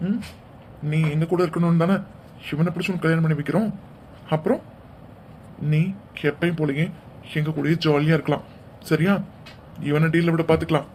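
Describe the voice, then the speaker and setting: Guy doing a jokey older brother, a bit high, light noise behind. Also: fairly even intonation, normal speed, long pauses, darkish tone. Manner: teasing, joking. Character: young man, a bantering brother of the bride. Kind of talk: cartoon dialogue acting.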